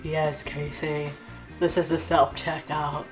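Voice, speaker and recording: A woman's voice: deep voice, takes it slowly, faint music behind. A woman voicing a patient mother doll taking her daughter shopping. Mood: calm. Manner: calm, gently firm with her child. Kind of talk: toy doll play video.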